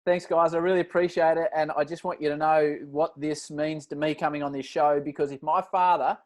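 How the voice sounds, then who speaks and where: A man's voice: fairly high pitch, flat delivery, brisk. An Australian man, a TV presenter guest, joking and self-mocking in casual chat. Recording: noisy clicking line.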